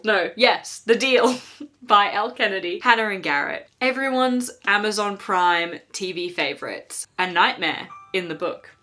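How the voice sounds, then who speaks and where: A young woman with a slight lisp from a swollen tongue, chatting casually and emphatically about books in a vlog, full of fillers and repetition. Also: medium pitch. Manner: animated, emphatic ranting with frequent fillers. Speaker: book vlogger. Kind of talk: casual reading wrap-up chat.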